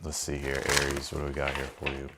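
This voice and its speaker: Very deep and monotone, the voice moves fast through heavy background noise. It belongs to an American tarot livestreamer from Ohio and Texas who rambles casually during card readings, frequently repeating his words.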